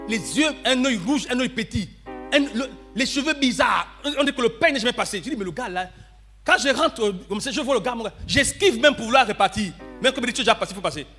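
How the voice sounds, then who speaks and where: A pastor delivers a storytelling sermon in church, acting out dialogue. He swings between shouting and low murmurs.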